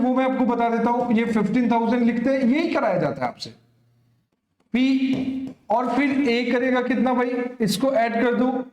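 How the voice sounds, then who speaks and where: In an echoey room, a male maths teacher runs an exam coaching lesson, working through a problem and addressing students familiarly while often answering his own questions. His voice is extremely high-pitched yet darkish in tone.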